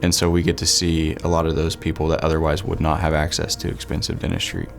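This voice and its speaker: A man from Southwest Missouri chatting in a relaxed way about dental care in an interview, with many fillers. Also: a bass voice, fast, gravelly. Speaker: dental worker, scholarship nominee. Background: soft background music.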